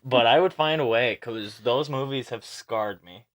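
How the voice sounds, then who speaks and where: A man's voice: mid-range voice, a little slow, dry recording. Chatty laughing man, dry close sound. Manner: chatty, laughs easily, animated retelling. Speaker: podcast co-host. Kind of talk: casual chat.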